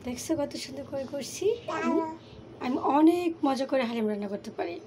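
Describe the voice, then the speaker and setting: A woman's voice: high-pitched, lively intonation, moderate pace, a crowd in the background, poor audio. A young Bangladeshi woman with a Bangladeshi Bengali accent, chatting casually in a home cooking vlog and coaxing and teasing a small child. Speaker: home vlogger and mother. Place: at home, partly outdoors on a windy day.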